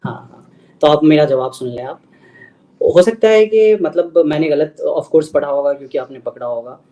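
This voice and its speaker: A man's voice: on the high side, moderate pace, warm tone, poor audio. A man in his twenties calling in to a debate, defensive and mixing in English as he argues his side. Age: 20s. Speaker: caller. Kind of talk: casual debate call.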